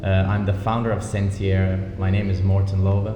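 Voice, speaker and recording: A Danish watch brand founder, appearing as a guest in a relaxed interview, reflects on his path in a measured, unhurried way full of ums. His low voice stays fairly level and flat, heard in an echoey office over a music bed.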